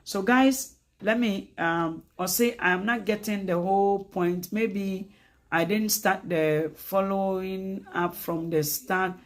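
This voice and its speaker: A woman with a Ghanaian accent, hosting a casual livestream chat in an animated way, switching between English and Twi. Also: medium pitch, takes it slowly. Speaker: livestream host.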